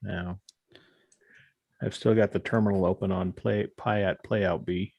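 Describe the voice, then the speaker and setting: A man's voice: sits low, steady tone, a little slow, creaky, a little mellow, dry recording, muffled recording. A man on a video call giving a matter-of-fact progress report. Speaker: workshop participant.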